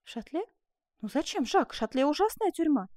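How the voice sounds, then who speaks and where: A woman's voice: high voice, sing-song, normal speed, a little mellow, no room sound, clean studio sound, pitched above the performer's own voice. A woman voicing a coquettish young seamstress who teases her lover, in a storybook reading. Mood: teasing. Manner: coquettish, teasing.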